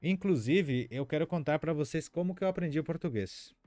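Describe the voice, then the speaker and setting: A man's voice: fairly high pitch, lively intonation, brisk, warm tone, no room sound. Paraguay-born guy teaching guarani live, spanish first language, chatty with lots of fillers, dry sound, faint music. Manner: chatty, thinks aloud, many fillers. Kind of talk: live-stream lesson reading chat comments.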